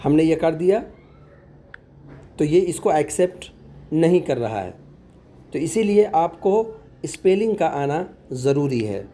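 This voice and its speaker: A man's voice: on the high side, lively intonation, unhurried, pauses often, mellow. A man working as an online tutor, patiently explaining a phone app step by step in a tutorial voice-over and repeating words as he goes.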